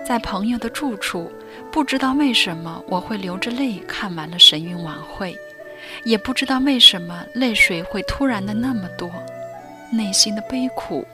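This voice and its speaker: A young woman with a mid-range voice narrates a radio drama as a girl who was once a teen delinquent, looking back on her past. Her delivery is lightly acted, subdued and reflective, sometimes sinking to a whisper.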